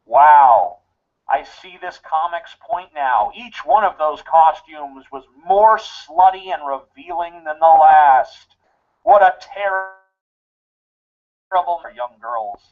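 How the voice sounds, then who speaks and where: A man reads his scripted video commentary in a dry, mocking voice that sits a little higher than most men's. The sound is thin and tinny, like a phone line. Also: expressive, takes it slowly. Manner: sarcastic, mocking.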